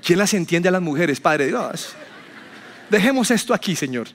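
A man's voice: sits high, lively intonation, normal speed, a faint crowd. A man preaching a sermon to a church congregation, telling stories and acting out the people he quotes. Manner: storytelling, acts out quotes with rising voice. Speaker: pastor.

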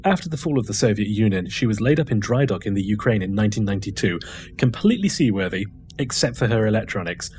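A podcast co-host reads a scripted news segment, adding wry, sarcastic asides; his first language is not Chinese. His fairly low voice is a little mellow, fast and lively in intonation, with slight background noise.

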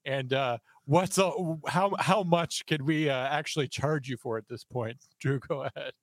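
A man's voice: mid-range voice, normal speed, no room sound. A man co-hosting a podcast, retelling a clip animatedly and laughing often. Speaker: podcast co-host. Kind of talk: casual podcast commentary.

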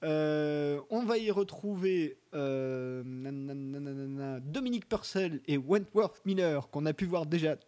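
A man with a slightly high voice chats casually about upcoming TV shows. He rambles, hesitates and trips over his words, filling the gaps with drawn-out sounds as he searches for names. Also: expressive, warm tone. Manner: rambling, hesitant, many fillers and restarts. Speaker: podcast co-host presenting a segment. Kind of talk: casual chat about TV series.

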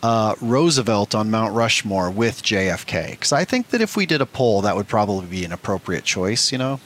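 A man's voice: on the low side, lively intonation, a little fast, a bit bright. A man co-hosting a trading card show in casual, bantering chat. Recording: faint background room noise.

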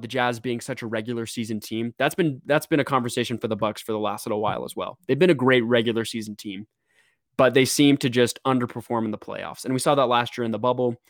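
An excitable man hosting a laid-back sports podcast, mid-pitched and quick to joke. His voice is recorded dry and close, with almost no room sound around it. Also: no echo. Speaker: podcast host. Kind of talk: casual sports chat.

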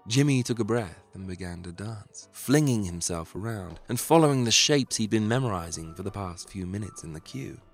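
Low, gravelly male narrator, measured dramatic storytelling, faint music under. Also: lively intonation.

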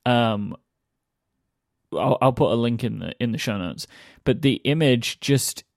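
A man's voice: medium pitch, unhurried, vocal fry, no echo. Rambling man on a dry podcast mic. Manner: rambling, filler-heavy, amused. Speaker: podcast co-host. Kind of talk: casual chat.

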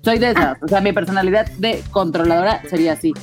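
A woman's voice: lowish voice, quick pace, faint music behind. A woman in her thirties with a Mexican accent, chatting frankly and casually on a podcast. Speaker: podcast co-host, mother. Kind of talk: casual chat.

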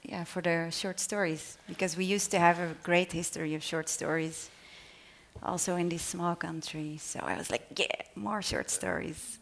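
A Dutch author from the Netherlands, speaking with a Dutch accent, talks on a panel at a literary event and then reads her own short story in English, sounding a little hesitant. Her voice is fairly low, gravelly and fairly even in intonation, at a moderate pace, with slight background noise.

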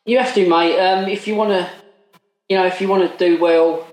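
A high-pitched man in his late thirties from Essex, England, chats casually as a podcast guest, matey and working-class, with an Essex accent. He speaks at normal speed in a steady tone, and the room sounds echoey.

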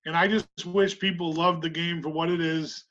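On a casual podcast, a middle-aged woman who coaches basketball in Massachusetts talks thoughtfully at a moderate pace, laughing warmly and often saying "you know". Her voice is fairly low and fairly even, captured in dull lo-fi sound.

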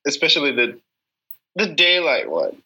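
Bright-voiced enthusiastic co-host. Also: medium pitch, sing-song, normal speed, breathy edge, muffled recording. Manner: enthusiastic, laughs often. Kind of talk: casual chat.

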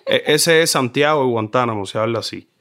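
A middle-aged Cuban man speaks at a mid-range pitch, with the easy flow of a guest in relaxed conversation. He drifts into animated stories and imitates regional ways of talking. The tone stays conversational and unhurried. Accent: Cuban Spanish. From Cuba. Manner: animated storyteller, mimics regional speech. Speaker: guest, film director. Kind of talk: casual conversation.

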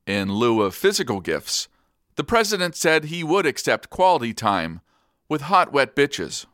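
An actor playing a straight-faced, polished news anchor on a parody post-apocalyptic radio newscast. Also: male voice, medium pitch, big pitch swings, measured pace, a bit bright, no room sound. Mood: deadpan, brisk.

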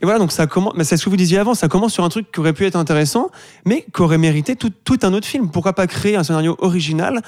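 A man's voice: sits high, very fast, a little mellow, no room sound, clean studio sound. Opinionated man reviewing a film. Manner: opinionated, rambling with restarts. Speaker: film critic. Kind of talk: casual review discussion.

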